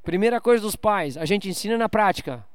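A pastor with a high, animated voice preaches a casual sermon to his congregation at a church service, speaking a little fast. He jokes with the crowd and calls out for amens, recorded dry with clean studio sound and a clean tone.

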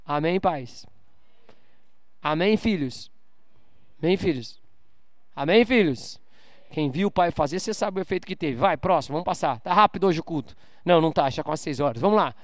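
A man's voice: a little high, lively intonation, normal speed, long pauses, no echo, clean studio sound. A man preaching an informal sermon to his church, joking and calling out for amens. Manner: informal, calls out for amens, jokes with the crowd. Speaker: pastor. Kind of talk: casual sermon to a congregation. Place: church service.

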